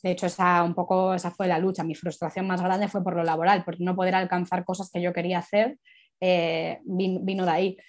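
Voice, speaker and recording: A woman's voice: fairly low pitch, level tone, fairly quick. A woman sexologist, reflecting candidly in a casual interview and rambling through many asides.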